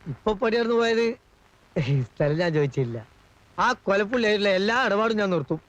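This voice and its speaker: A fussy middle-aged hanger-on from an old film comedy, talking. He is excitable, gossipy and full of his own importance. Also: sits high, normal speed, dull audio. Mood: boastful.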